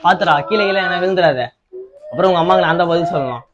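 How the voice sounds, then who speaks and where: Fast-talking man coaxing and pleading. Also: high voice, lo-fi sound. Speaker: prankster, YouTube host. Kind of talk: casual prank banter.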